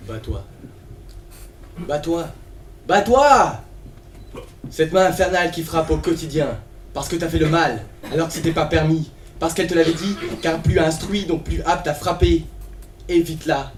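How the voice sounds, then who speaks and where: A man's voice: a little high, moderate pace, slight background noise. A man declaims an intense slam poem on a theatre stage, hammering repeated commands. He sounds distant from the mic in a roomy hall, with faint ambience behind him. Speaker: slam poet. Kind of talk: intense slam poetry performance.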